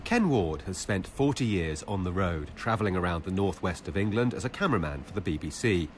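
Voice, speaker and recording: A man narrating a radio documentary in a measured, scripted way. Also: low-pitched, lively intonation, slight background noise.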